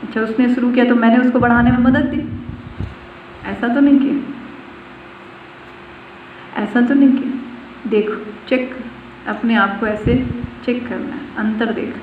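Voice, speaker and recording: Speaking a little slowly with long pauses, a woman delivers a devotional discourse in a slightly high, fairly even voice, repeating phrases and questioning her audience. Her voice comes from afar in an echoey room through a tinny, phone-like line, with slight background noise.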